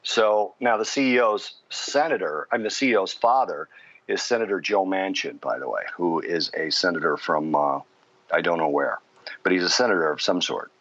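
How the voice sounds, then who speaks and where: A man's voice: sits low, normal speed, fairly bright tone, highs cut off. A man co-hosting a finance podcast, chatting casually and explaining news stories at length. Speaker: podcast co-host.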